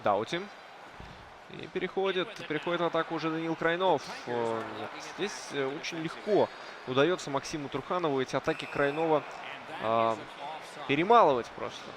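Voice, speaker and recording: A man's voice: fairly high pitch, expressive, a little fast. A man giving live play-by-play commentary on an esports hockey match, often hesitating between phrases. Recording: crowd noise behind. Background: crowd noise.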